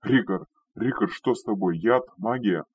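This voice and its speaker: A man voicing a shaken young male lord who shouts urgently, recorded distant and dull. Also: low voice, moderate pace, breathy edge. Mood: frantic shouting.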